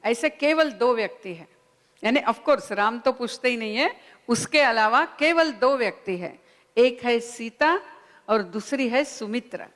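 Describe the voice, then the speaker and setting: A woman giving a spiritual lecture at a conference, retelling scripture in an unhurried storytelling manner and voicing the lines of its characters. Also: on the high side, animated, a bit bright, big-room sound. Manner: unhurried storytelling with quoted dialogue. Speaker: speaker at a Ramayana conference. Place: conference hall.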